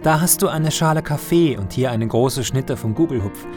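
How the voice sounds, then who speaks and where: A man voicing a cheerful, eager village shoemaker in a children's story, in a raised, excited voice. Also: mid-range voice, moderate pace, music in the background, natural voice.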